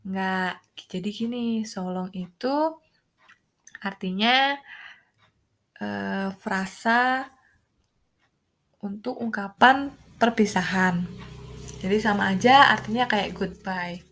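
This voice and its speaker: A woman's voice: medium pitch, slow pace, pauses often, fairly bright tone. A woman teaching English, who reads each example phrase aloud and then explains what it means. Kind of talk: classroom lesson.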